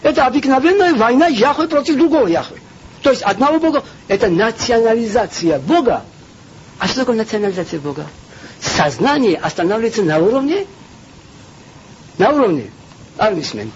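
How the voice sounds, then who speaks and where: Fairly quick and animated, a high-voiced man from Georgia preaches an impassioned religious lecture. His emphatic delivery is peppered with hesitations and rhetorical questions, captured in a dull lo-fi recording with faint noise behind it.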